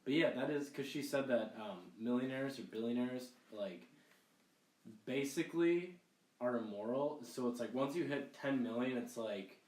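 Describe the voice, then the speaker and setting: A young man co-hosting a podcast, chatting about politics in a halting way with many restarts. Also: medium pitch, darkish tone, distant mic. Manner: halting, full of restarts and fillers. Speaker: podcast co-host. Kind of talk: casual political chat. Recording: echoey room, a bit off mic.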